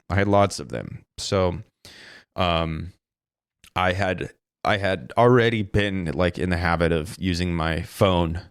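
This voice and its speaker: A man with a deep, gravelly yet smooth voice hosts a casual solo podcast, recorded with studio quality and no echo on a desk mic through a streaming interface. He rambles, swears, and keeps correcting himself.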